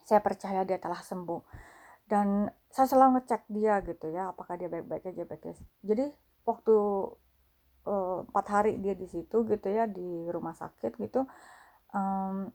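Woman, warm mellow tone, casual testimony vlog, hesitant and repetitive delivery. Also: medium pitch. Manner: halting, many fillers, repeats phrases. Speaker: vlogger sharing a faith testimony.

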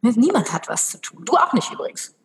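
A woman in her thirties talking casually in a podcast conversation, lively and acting out her child's lines. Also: a little high, a little fast, gravelly. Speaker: parenting guest.

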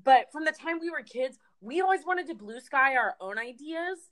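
A woman's voice: high-pitched, animated, normal speed, a bit bright. A woman co-hosting a podcast, talking in a chatty, candid and playful way. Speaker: podcast co-host. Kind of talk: casual podcast chat.

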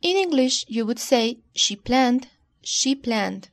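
A woman co-hosting an English lesson, reading model answers in a careful, deliberate way. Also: a little high, lively intonation. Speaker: co-host answering the teacher's questions. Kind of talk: scripted bilingual lesson dialogue.

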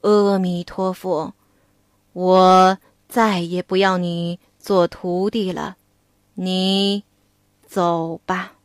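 A woman voicing a gentle, solemn older male monk who speaks slowly and softly. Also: fairly low pitch, flat delivery, no echo, clean studio sound, pitched below the performer's own voice. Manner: slow, soft and solemn.

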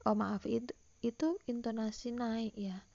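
A woman's voice: on the high side, fairly even intonation, unhurried, gravelly, warm tone, muffled recording. A woman teacher giving a recorded online lesson to primary school children, patiently explaining and reading example questions aloud.

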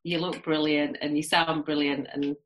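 A woman co-hosting a podcast in casual chat, telling stories in a relaxed way. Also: deep voice, moderate pace. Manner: relaxed storyteller with fillers. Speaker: podcast co-host.

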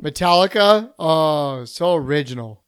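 A man's voice: a little high, lively intonation, unhurried, fairly bright tone, clear, resonant tone, no room sound, studio quality. A man co-hosting a casual podcast chat, wisecracking and teasing the others. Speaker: podcast co-host.

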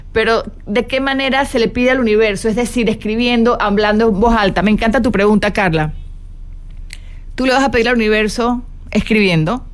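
A woman coaching her live audience with a playful, motivational manner, answering their questions and speaking straight to them. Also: mid-range voice. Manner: warm, playful, directly addressing viewers. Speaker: self-help coach. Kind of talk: motivational live talk to viewers.

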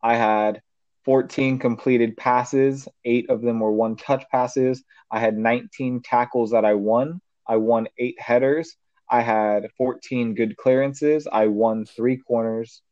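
A teenage co-host calls into a casual podcast, his words arriving as muffled, dry phone audio. He speaks a little slowly in a steady, mid-range, slightly mellow voice, rambling and leaning heavily on "like".

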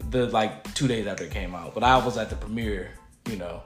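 A man hosting a podcast in casual, slangy chat, laid-back and quick to laugh. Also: lowish voice, roomy sound, soft background music. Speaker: podcast host.

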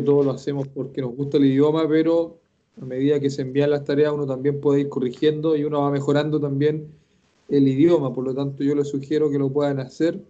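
A man runs a casual online class, talking in a chatty, encouraging way and often repeating himself. His voice sits a little high and sounds mellow. The call audio is dull and lo-fi. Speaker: host and Japanese teacher.

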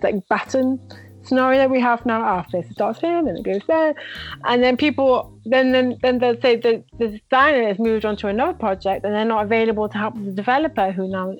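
A woman with a non-native English accent, a guest talking about UX writing in a casual interview, animated and laughing often as she acts out little exchanges. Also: fairly high pitch, dull audio.

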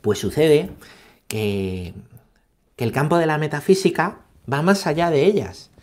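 A man's voice: on the high side, measured pace. Emphatic man from Spain teaching catechesis. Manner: animated and emphatic, with rhetorical questions and frequent tag questions. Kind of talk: catechesis talk on scripture and philosophy.

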